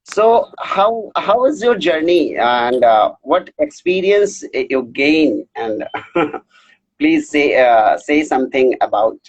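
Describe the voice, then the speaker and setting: A young man hosting a live online interview, effusive and halting, mixing English and Hindi with many hesitations. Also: a little high, animated, highs cut off. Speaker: interview host.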